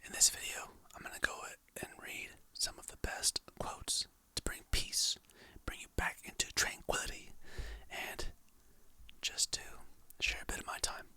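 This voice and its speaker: ASMR host who whispers throughout, crisp bright breathy tone, soft and encouraging. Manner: soft, relaxed, slow-paced, encouraging. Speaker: ASMR creator. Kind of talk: ASMR whispering, reading calming quotes.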